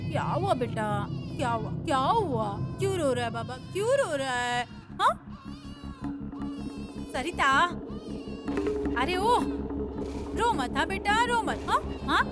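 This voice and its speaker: Casting: a soft-spoken young woman cooing to a baby, very high voice, heavy score underneath. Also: full character voice. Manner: soft, coaxing, singsong baby talk. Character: gentle young woman soothing a crying baby. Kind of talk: TV serial acting.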